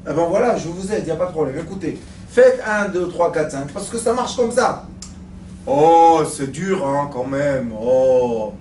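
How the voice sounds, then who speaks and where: Brief: male rabbi lecturer, high voice with wide swings, roomy echo, mic far off. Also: measured pace, slight background noise. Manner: animated, acting out stories, addressing the audience with questions. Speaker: rabbi teaching a weekly class. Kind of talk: Torah lesson with joke storytelling. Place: lecture room at a study centre. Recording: echoey room, mic far off.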